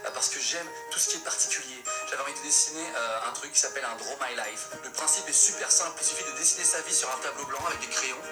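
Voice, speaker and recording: A young man from northern France narrating his life story in a quick, self-mocking comic style. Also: mid-range voice. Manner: quick, self-mocking, jumps into silly voices. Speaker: comedy YouTuber. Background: music.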